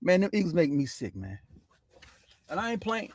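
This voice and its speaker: Profane fast-ranting male sports host. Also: high-pitched, sing-song, a little mellow, breathy edge, no room sound. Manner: loose, profane, says "man" constantly. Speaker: sports talk show host. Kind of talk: casual sports rant.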